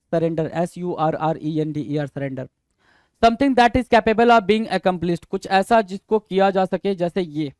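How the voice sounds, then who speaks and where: High-voiced man teaching vocabulary. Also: a little mellow, dry recording. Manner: addresses listeners as "bhai". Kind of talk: exam-prep vocabulary lesson.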